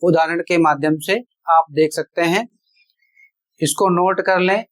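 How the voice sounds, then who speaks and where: A teacher giving an online pronunciation lesson, explaining each rule deliberately and repeating examples step by step. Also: medium pitch, steady tone.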